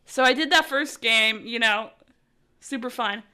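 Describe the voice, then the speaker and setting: A young woman hosting a podcast, telling a chatty, excitable story with lots of "like" and "oh my gosh" as she quotes herself. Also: a little high, measured pace, clear, resonant tone. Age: young adult. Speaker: podcast host and college sports broadcaster. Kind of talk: casual storytelling monologue.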